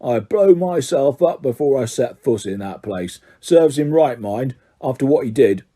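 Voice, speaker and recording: Man doing a slow grumbly old bus driver, low and gloomy, mellow tone. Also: animated, breathy edge. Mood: grim. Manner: slow, grave, few words.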